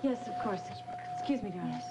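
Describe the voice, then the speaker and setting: Soap role: actress as worried mother, quick talker, very hissy tape. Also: mid-range voice, animated, lightly acted. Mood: concerned. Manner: polite, concerned. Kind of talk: 1980s TV soap acting. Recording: noisy old TV broadcast.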